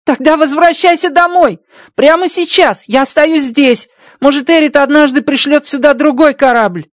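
A high, squeaky male alien engineer, bursting with eager energy and mangling his grammar. The audiobook recording is dry and close, with no room sound. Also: normal speed, no echo. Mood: insistent. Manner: broken grammar, tags questions with a spoken word. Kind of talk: audiobook character voice.

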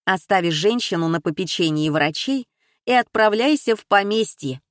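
A woman voicing a male investigator who gives brisk, calm orders. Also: medium pitch, no room sound, studio quality, natural voice. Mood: commanding.

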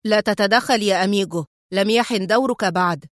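A woman voicing a menacing male crime boss who speaks in a cold, stern, deliberate way. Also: mid-range voice, lively intonation, no echo, studio quality, close to an everyday voice. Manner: stern, slow and icy.

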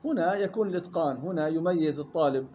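A man leads a recitation class, his voice set fairly high for a man. He explains at a rapid clip, slowing right down to read rules and drill single syllables. A faint hum sits behind him. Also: mellow. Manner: reads rule text slowly, then explains in quick colloquial talk; drills syllables slowly and questions students. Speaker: Quran recitation teacher. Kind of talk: classroom lesson explaining a text.

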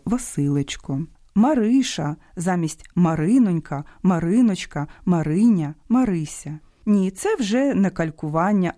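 A woman hosting a radio program about language, reading a scripted talk with a didactic tone and clear stress on each example word. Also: on the low side, no room sound, studio quality. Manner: didactic, lively emphasis on quoted words.

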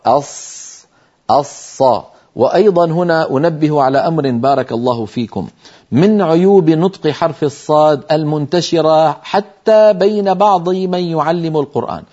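A man's voice: on the high side, dark tone. Older male recitation teacher, lo-fi. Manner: patient, emphatic explaining, voicing letter sounds. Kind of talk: televised recitation lesson.

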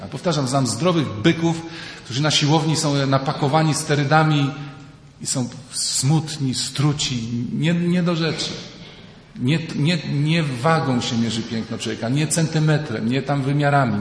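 A man, a priest, giving a lively retreat sermon, often acting out the people he quotes. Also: a little high, measured pace. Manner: animated, mimics voices in quoted dialogue. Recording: echoey hall, faint ambience.

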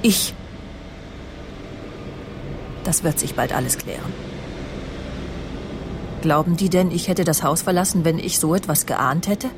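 In a radio crime drama, an actress plays a vain and self-assured woman journalist who justifies herself in a tone both confiding and imperious. Her natural voice sits on the low side, with noise in the background.

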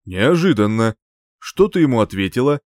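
A man's voice: medium pitch, sing-song, moderate pace, a little mellow, dry recording, clean studio sound, lightly acted. A man voicing a lazy, teasing young prince in an audiobook, drawling and smirking. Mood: smug.

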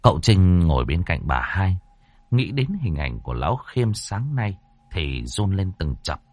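A man narrating a horror story in a low, lively voice that rises and falls a lot. His telling is expressive and animated, and the sound is dry and close. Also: unhurried, no room sound.

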